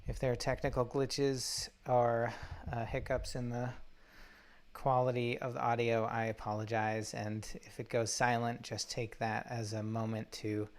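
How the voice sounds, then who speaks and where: A man guides a meditation in a flat, even, mid-pitched voice. He talks haltingly, with many fillers and restarts. He records on a laptop or phone from a spot away from home. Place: undisclosed spot while traveling. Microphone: laptop or phone mic.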